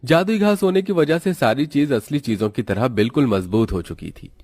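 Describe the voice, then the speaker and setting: A man with a mid-range voice narrates a cartoon story at a moderate pace, in a steady, explanatory storytelling manner.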